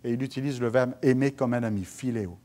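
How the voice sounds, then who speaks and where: A man, a pastor preaching a sermon in an animated way, with joking asides to his congregation. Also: mid-range voice, fast talker.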